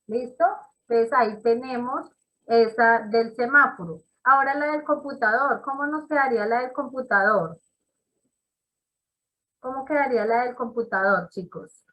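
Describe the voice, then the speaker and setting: Woman teacher, bright and slightly high voice, unhurried, encouraging. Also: low-quality recording. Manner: encouraging, praises students by name; slow and explanatory, repeats examples. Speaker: English teacher. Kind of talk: classroom teaching.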